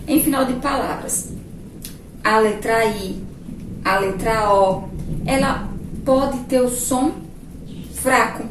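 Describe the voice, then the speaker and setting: A Brazilian woman teaching a remote lesson to young children, speaking patiently and asking them frequent questions, recorded from a distance with a faint background ambience. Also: on the high side. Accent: Brazilian Portuguese. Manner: slow, patient, asks questions often. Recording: roomy echo, distant mic, faint noise.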